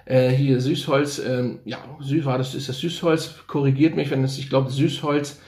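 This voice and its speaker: Man, casual unscripted product review, thinks aloud, keen slang praise, medium pitch, roomy echo. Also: little pitch movement, moderate pace, darkish tone. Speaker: fragrance reviewer.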